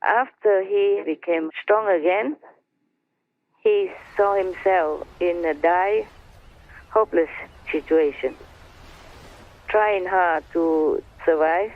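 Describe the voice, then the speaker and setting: Slow-telling woman over a phone line. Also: lowish voice. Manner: slow, chatty, laughs between phrases. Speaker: spiritual teacher telling a story. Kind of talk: unhurried storytelling to a team. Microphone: phone or conference line. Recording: tinny dry phone line.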